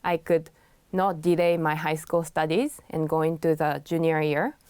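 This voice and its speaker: A woman from Japan, speaking as a pianist guest in a conversational interview. She talks in a soft-spoken way, with light laughs. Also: sits low, fairly even intonation, normal speed, clean tone, dry recording.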